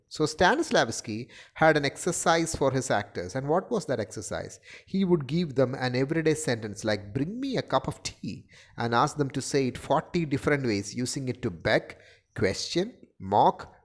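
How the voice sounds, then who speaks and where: A man, lecturing university literature students and explaining at length with many fillers and restarts. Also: medium pitch.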